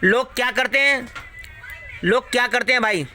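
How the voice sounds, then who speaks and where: A man's voice: very high voice, normal speed, sharp tone, soft background music. A man ranting casually at his viewers, repeating himself a lot and swearing freely as he warns them and gives betting tips. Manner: repetitive, preachy, swears freely. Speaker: satta tipster YouTuber.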